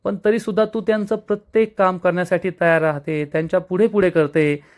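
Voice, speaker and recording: A man's voice: sits high, fairly even intonation, fairly quick, close to an everyday voice. A man reading the lines of a caring, protective young man, earnest and pleading. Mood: concerned.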